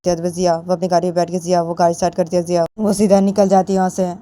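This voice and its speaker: A woman's voice: lowish voice, level tone, quick pace, mellow, slight background noise. A woman narrating a romantic story in a plain, repetitive storytelling manner.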